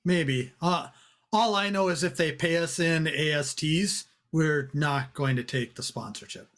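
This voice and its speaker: A man's voice: fairly high pitch, unhurried, a bit bright. A man co-hosting a podcast in a casual comic chat, with a wry, teasing manner. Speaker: podcast co-host.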